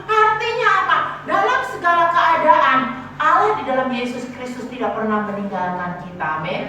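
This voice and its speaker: A woman preacher giving a lively sermon, teasing and calling out to her congregation. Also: sits high, normal speed. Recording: echoey church hall from far off.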